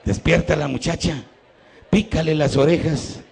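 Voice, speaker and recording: A man's voice: on the high side, unhurried, creaky, darkish tone, husky. A man with a Mexican Spanish accent, a priest telling a folksy, joking story in a sermon at a church healing retreat.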